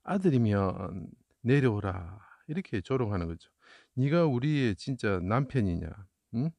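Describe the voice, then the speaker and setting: A man's voice: medium pitch, animated, normal speed, a little mellow, dry recording. A man explaining Bible verses through Chinese characters, asking rhetorical questions and then answering them. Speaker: Bible teacher.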